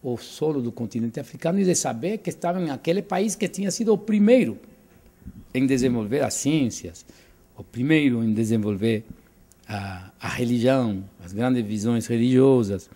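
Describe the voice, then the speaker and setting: A man's voice: medium pitch, expressive, moderate pace, dark tone. An older man from Cuba, answering interview questions earnestly and emphatically, often repeating and restarting words, recorded indoors on a handheld mic. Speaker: interviewee, author. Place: living room, indoors. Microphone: handheld mic held by interviewer.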